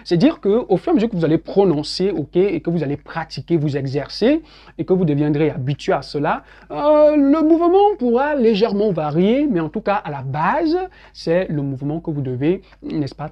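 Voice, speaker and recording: A man giving an online English pronunciation lesson. He drills words slowly, repeats them several times and often adds little check-in tags. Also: fairly high pitch, sing-song, lo-fi sound.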